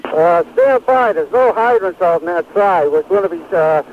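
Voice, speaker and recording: A man's voice: sits high, moderate pace. A man working as a firefighter in the field, giving terse orders and reports over a two-way radio. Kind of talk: terse emergency radio traffic. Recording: dull, very noisy mobile radio transmission.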